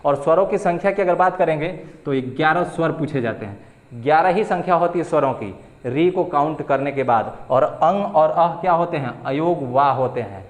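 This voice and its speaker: Young male tutor, slightly high voice, patient and repetitive, exam-prep lecture delivery. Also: lively intonation, roomy sound. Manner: patient, repeats key terms slowly, asks and answers own questions. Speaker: teacher. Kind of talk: exam-prep Hindi grammar lesson.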